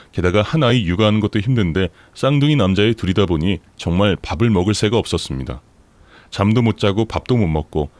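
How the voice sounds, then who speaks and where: A man narrating a first-person story in a steady storytelling manner. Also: lowish voice, dry recording.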